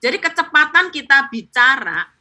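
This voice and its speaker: Fast-talking bright woman teaching on a call. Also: high-pitched. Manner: fast, lively, chatty, with playful acted-out examples. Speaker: insurance agent teaching sales technique. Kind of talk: live online training session. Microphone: video call.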